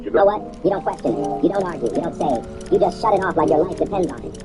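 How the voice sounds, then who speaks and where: Man, comic monologue, quick exasperated delivery over music. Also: a little high, lively intonation. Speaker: storyteller. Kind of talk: scripted comedic monologue.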